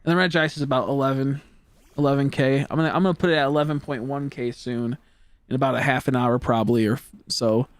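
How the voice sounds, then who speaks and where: A teenage boy chats loosely while he plays a game on stream, wandering from thought to thought and letting his words drop into mumbles. His voice sits at a middling pitch for a young man. The sound is dry and close, with no room around it. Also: fairly even intonation, fast, no room sound. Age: teens. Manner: rambling, trailing off into mumbles. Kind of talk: casual chat while gaming.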